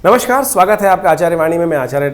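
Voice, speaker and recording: A man's voice: a little high, expressive, rapid-fire. A man speaking as an astrologer, giving a horoscope talk in an explanatory, advising way.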